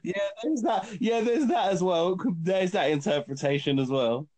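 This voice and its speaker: A man's voice: high-pitched, lively intonation, normal speed, darkish tone. A man chatting casually with friends, teasing and joking. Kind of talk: casual chat.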